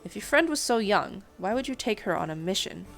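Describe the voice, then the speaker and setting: A woman voicing a calm, smooth-spoken stranger in red, reading aloud from a story. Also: mid-range voice, soft background music. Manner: smooth and measured.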